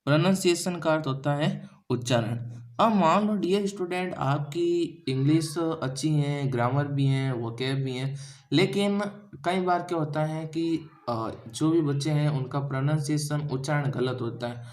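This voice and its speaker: A man's voice: on the high side, measured pace. A man from India with a Hindi accent teaching an English class, often asking the students a question and then answering it himself. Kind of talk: classroom lesson explaining grammar and pronunciation.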